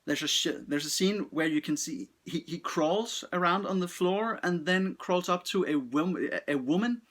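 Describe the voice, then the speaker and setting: A man giving a casual, unscripted film review, halting and restarting often and swearing bluntly. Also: sits high, a bit bright.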